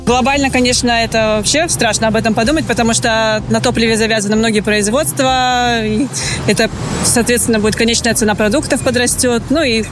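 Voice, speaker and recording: A woman's voice: fairly high pitch, steady tone, fairly quick, over music. Hesitant woman giving a vox pop comment. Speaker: interviewee.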